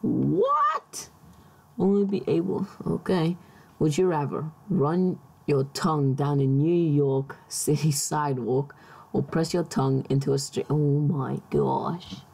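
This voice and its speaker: A woman's voice: deep voice, steady tone, measured pace, vocal fry, warm tone, husky. A woman vlogger musing aloud in casual chat, hesitant, with many restarts.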